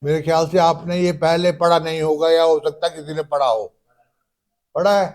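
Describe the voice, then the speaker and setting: A man teaching a grammar lesson, dictating rules slowly and stretching out each word. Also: on the high side, fairly even intonation, darkish tone. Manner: slow, drawn-out word-by-word dictation, addresses students as beta.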